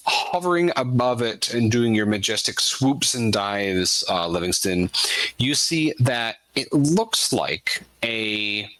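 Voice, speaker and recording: Bright, forceful man running a tabletop game. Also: medium pitch, animated, slow, dry recording, poor audio. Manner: descriptive, explanatory. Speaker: game master. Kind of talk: improvised narration of a tabletop game.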